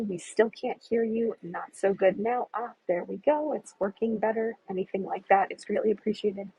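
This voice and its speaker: Breathy woman guiding a live tour. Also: medium pitch, rough recording. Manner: chatty, enthusiastic, effusive; speaks softly at times. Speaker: tour guide. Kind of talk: live-streamed walking tour, chatting with viewers. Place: inside a large stone cathedral. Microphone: handheld phone without stabilizer.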